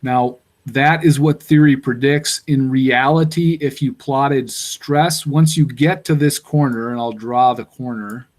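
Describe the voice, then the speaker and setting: A man's voice: mid-range voice, steady tone, unhurried, hardly any pauses. A man giving a university engineering lecture, explaining step by step and thinking aloud with fillers.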